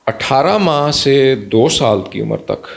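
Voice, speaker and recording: Doctor guy, gravelly voice, animated, throws in english bits. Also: medium pitch. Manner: animated, slips into Punjabi and English phrases. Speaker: pediatrician guest. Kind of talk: conversational explanation.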